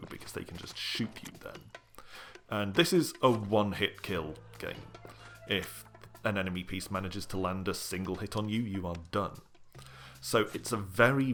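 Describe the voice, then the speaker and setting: A man narrating a casual game review in a measured, explanatory way, often pausing with "um". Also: sits low, fairly bright tone. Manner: measured, explanatory, with frequent ums.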